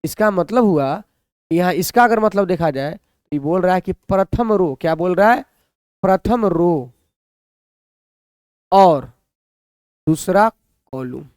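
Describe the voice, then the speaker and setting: A man's voice: high-pitched, lively intonation, slow pace, long pauses, a little mellow, dry recording, clean studio sound. A man teaching a maths lesson, who keeps asking the students questions and answering them himself.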